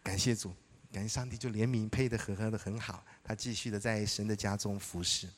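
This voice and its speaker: A middle-aged male pastor preaching a sermon, telling personal stories in a lively way, acting out dialogue and often laughing. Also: fairly low pitch, brisk.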